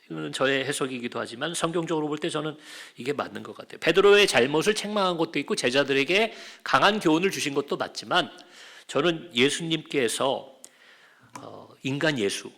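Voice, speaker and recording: A man preaching a sermon as pastor, talking in a conversational way, asking his listeners questions and dropping at times to quiet, near-whispered lines. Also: a little high, vocal fry.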